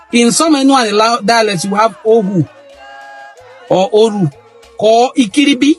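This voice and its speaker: With a high-pitched voice that has a breathy edge, a middle-aged Nigerian cultural history commentator gives a passionate talk about history, stressing his points emphatically through repeated phrases.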